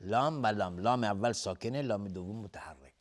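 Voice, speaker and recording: A Quran recitation teacher with a Persian accent and a fairly low-pitched voice leads a lesson. He draws out each verse in a slow, raised chant, then switches to brisk, matter-of-fact explanation of the rules.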